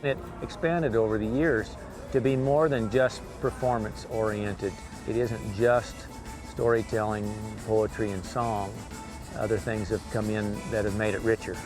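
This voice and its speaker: A man's voice: lowish voice, fairly even intonation, unhurried, low-quality recording. A mature man, a working cowboy and performer, talking reflectively in an interview. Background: music under the voice.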